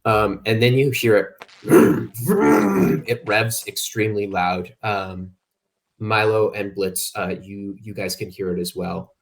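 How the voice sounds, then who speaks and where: Low-voiced man running a game, lots of ums. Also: fairly even intonation, slow. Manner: hesitant, many ums and uhs. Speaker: game master. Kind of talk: running a tabletop game online.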